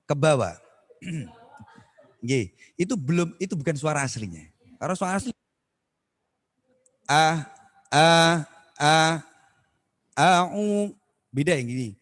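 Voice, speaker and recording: A man teaching Quran recitation on a video call, correcting students and demonstrating verses in a slow, drawn-out chant. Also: fairly high pitch, very animated, slightly rough, dry recording. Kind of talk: online Quran recitation lesson.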